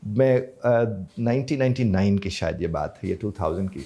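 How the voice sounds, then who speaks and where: A man's voice: lowish voice, animated, normal speed, dark tone. A man, a life coach and trainer, explaining his method in an interview and acting out short dialogues, with a Pakistani Urdu accent. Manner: acts out short dialogues to illustrate points.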